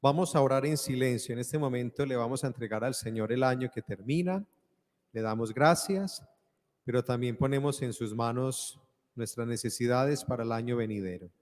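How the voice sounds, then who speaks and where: A solemn male priest leads mass in an even, mid-pitched voice. His measured words fill a large church and ring out in a long cathedral echo. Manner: solemn, measured, louder on the creed. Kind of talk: leading mass.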